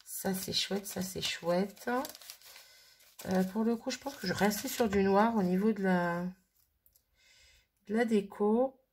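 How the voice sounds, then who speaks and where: A woman's voice: medium pitch, slow pace, long pauses, darkish tone, slight background noise. A woman casually thinking aloud as she works on a craft project, chatting and muttering to herself at her worktable. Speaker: crafting vlogger.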